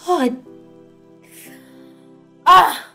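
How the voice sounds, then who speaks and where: A woman's voice: medium pitch, lively intonation, a little slow, faint music behind. An actress playing a distressed, earnest young woman with a Nigerian English accent, exasperated with her friend. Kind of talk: film drama dialogue.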